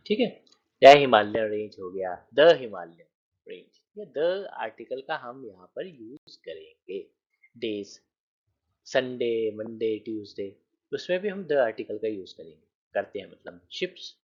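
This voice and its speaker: A man's voice: on the low side, very animated, unhurried, breathy edge, highs cut off. A man teaching a grammar lecture, explaining with counted examples and often checking that students follow.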